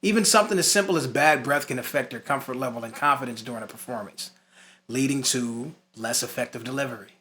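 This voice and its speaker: A man with a bright, pushed, mid-range voice hosts an informal talk box tutorial as its instructor. Part scripted and part conversational, he stresses and repeats his key points.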